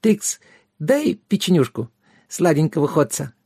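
A man's voice: fairly high pitch, very animated, unhurried, mellow, husky, no room sound, clean studio sound, pitched above the performer's own voice, full character voice. A man voicing a tiny, tipsy, giggling female fairy who is flighty and pushy. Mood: giggly tipsy.

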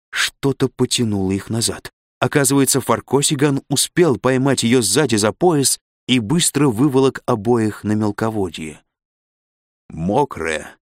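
A man reading an audiobook in a steady, expressive narration. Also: medium pitch, no echo, clean studio sound.

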